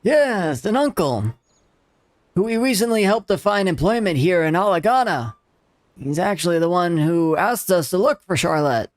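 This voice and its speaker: Man putting on a grumpy old man, raised pitch. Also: lively intonation, normal speed, no room sound. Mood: matter-of-fact, gruff. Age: older. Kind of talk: reading game dialogue aloud.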